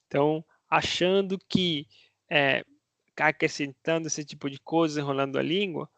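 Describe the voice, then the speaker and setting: This man, a Spanish teacher with a Brazilian Portuguese accent, explains things conversationally to viewers, posing rhetorical questions to himself and tagging sentences with "né?". His fairly high, fairly bright voice holds a steady tone at a moderate pace, and the recording is dry.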